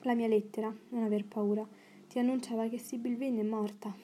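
A worldly, witty English aristocrat, voiced by a woman reading an audiobook speaks in an urbane, calmly persuasive way. The tone is mellow and dark and stays fairly level, a little high for his kind. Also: brisk, a little hiss or hum, lightly acted.

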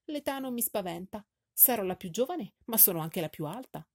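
A woman's voice: mid-range voice, lively intonation, moderate pace, a little mellow, breathy edge, no room sound, clean studio sound. A woman voicing a confident, cheeky teenage girl, the youngest daughter, in an audiobook reading. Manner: self-assured, pert. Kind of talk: audiobook character voice.

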